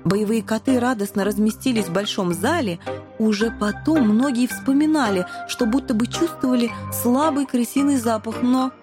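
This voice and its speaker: A woman reading a children's storybook aloud in an expressive way. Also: on the high side, normal speed. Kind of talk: storybook narration. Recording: narration over clear music.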